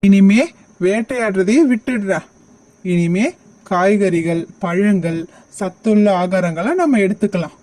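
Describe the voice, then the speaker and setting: A woman voicing a gruff adult male hunter speaking firmly to his wife in a cartoon. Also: mid-range voice, measured pace, warm tone, lightly acted.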